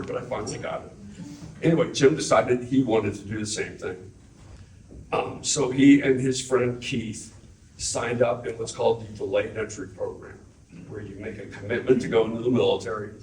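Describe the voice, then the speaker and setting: Older man, casual storyteller, animated; roomy sound, faint background hum. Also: on the low side, recorded from a distance. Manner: animated storyteller, acts out quotes with a laugh. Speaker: interviewee remembering his brother. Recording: echoey room, voice a bit off-mic.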